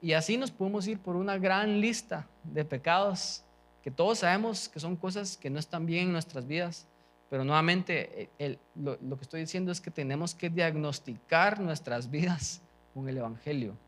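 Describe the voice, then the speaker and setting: A young man preaching a sermon. His voice sits a little high, and he talks to the congregation in a conversational way, often checking in with them and restarting his sentences. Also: normal speed, fairly bright tone. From Guatemala. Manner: conversational, frequent "¿verdad?" check-ins, many restarts.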